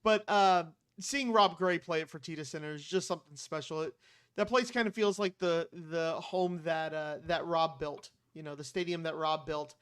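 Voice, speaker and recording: Man, smooth voice, slightly high, casual enthusiastic sports chat. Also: moderate pace, a bit bright. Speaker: podcast co-host.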